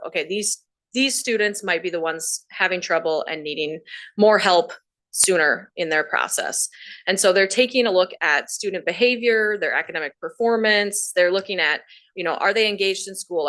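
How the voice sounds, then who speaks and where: A woman's voice: fairly low pitch, a bit bright. Chatty woman presenting at a board meeting. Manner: conversational, frequent "you know" fillers.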